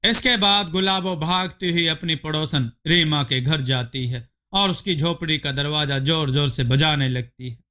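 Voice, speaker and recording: A man narrating a folk story in a lively, expressive storytelling manner. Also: fairly high pitch.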